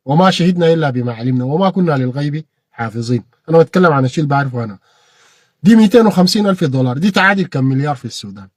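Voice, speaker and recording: A man with a Sudanese Arabic accent giving an impassioned political monologue, repeating phrases and bursting into shouted peaks. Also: fairly high pitch, animated, very fast, dry recording, studio quality. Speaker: political commentator.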